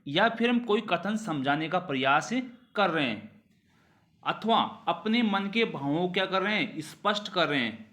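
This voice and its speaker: A man teaching a grammar revision lesson, repeating phrases and asking rhetorical questions, his pitch falling at the ends of sentences. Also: lively intonation, moderate pace, pushed and bright.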